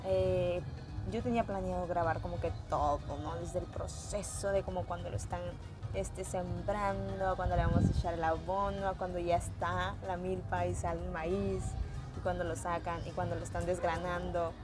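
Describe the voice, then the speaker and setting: Over music, a young woman with a Mexican accent narrates a casual vlog from rural cornfields, chatting and exclaiming. Her voice is on the low side, her delivery flat, at a normal speed.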